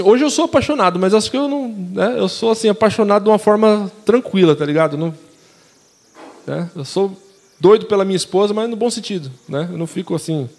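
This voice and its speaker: A man's voice: high-pitched, long reverb tail. A young man with a Brazilian Portuguese accent preaching a casual sermon, chatting with the congregation, slangy and asking them questions. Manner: conversational, slangy, asks the audience questions. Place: church hall.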